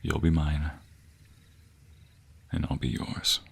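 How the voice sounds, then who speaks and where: Speaking slowly in a very deep, level, exaggerated voice, a man portrays a protective, devoted vampire boyfriend for an intimate romance audio roleplay. He sounds tender and loving, earnest and hesitant, frequently dropping to a breathy hush.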